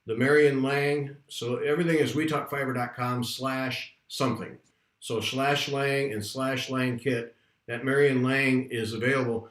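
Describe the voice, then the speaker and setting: A man hosting a casual livestream chat, talking in a rambling, chatty way from a room at home that is not soundproofed, so his voice comes back with a clear room echo. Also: mid-range voice, steady tone, unhurried, fairly bright tone. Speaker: host. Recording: echoey unsoundproofed room.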